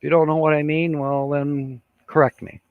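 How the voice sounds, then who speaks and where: At normal speed and in a level tone, an older man with a fairly high voice hosts a casual live stream. He chuckles and rambles, reading viewer comments with plenty of fillers. There's no room sound, and the recording is dull and lo-fi.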